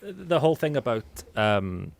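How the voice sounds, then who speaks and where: A man co-hosting a casual podcast, talking haltingly with lots of fillers. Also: mid-range voice, big pitch swings, gravelly, a crowd in the background. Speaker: podcast co-host. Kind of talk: casual chat.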